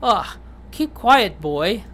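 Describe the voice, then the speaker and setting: A woman's voice: mid-range voice, big pitch swings, drawn-out words, fairly bright tone, full character voice. A woman voicing a teasing, domineering male shogun in a game read-through, with a smug, gloating manner.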